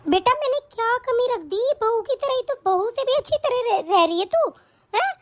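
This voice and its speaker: Brief: a woman doing an old cartoon mother-in-law, reproachful and scolding, very high voice. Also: animated, normal speed.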